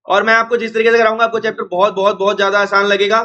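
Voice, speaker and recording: A man teaching an accounts class, unwell with a strained chest, repeating formulas slowly and scolding noisy students. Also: high-pitched, level tone, pushed and bright, highs cut off. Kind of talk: classroom lecture.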